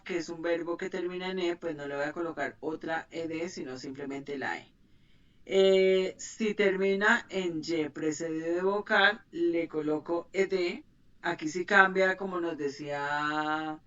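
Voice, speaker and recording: A woman's voice: fairly low pitch, fairly bright tone. A woman teaching an online English class, explaining grammar patiently and checking that students follow. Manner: patient, checks understanding with "¿sí?" and "¿listo?". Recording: muffled, distant mic.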